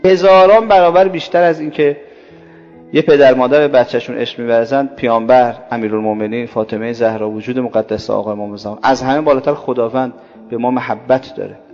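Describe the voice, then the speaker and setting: A man's voice: medium pitch, fairly even intonation, a little mellow. A man giving a sermon, explaining with rhetorical questions and long spoken lists. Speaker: religious speaker. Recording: dull lo-fi sound with long reverb and faint music.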